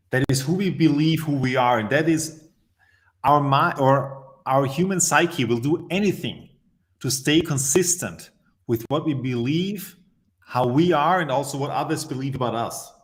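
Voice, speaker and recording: A man from Austria, answering as an interview guest and telling stories emphatically with measured pauses. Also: mid-range voice.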